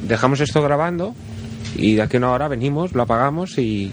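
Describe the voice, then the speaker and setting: A man's voice: medium pitch, fast talker, a little hiss or hum. Teasing male radio co-host. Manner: teasing, joking, deadpan. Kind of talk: casual radio banter.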